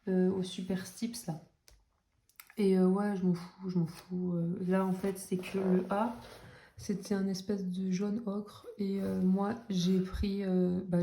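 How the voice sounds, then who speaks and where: Chatty woman with a mellow voice. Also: on the low side. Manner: chatty, self-mocking, many fillers. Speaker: coloring vlogger. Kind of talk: casual chat. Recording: echoey room, faint noise.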